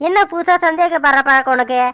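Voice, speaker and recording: A woman voicing a defensive, quick-tempered village husband in a cartoon. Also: high-pitched, a bit bright. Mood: scolding. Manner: defensive, scolding. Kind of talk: cartoon voice acting.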